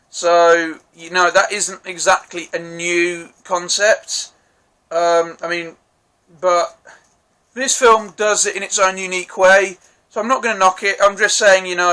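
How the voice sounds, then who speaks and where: Bright, high-voiced rambling man. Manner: rambling, hesitant, many restarts and fillers. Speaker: film reviewer. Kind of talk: casual spoken film review.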